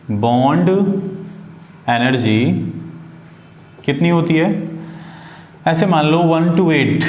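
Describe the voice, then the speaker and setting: A science teacher with an Indian accent gives an informal board lecture to students in a fairly high, darkish voice, repeating key phrases and quizzing them with questions. The room is echoey, with faint background noise.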